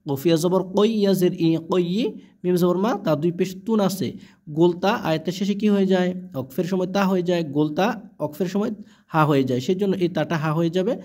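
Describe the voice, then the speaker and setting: A man teaching Quran reading, spelling each word letter by letter and then reciting it with long drawn-out vowels, with short explanations of the rules in between. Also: high-pitched, a little mellow. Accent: Bangladeshi.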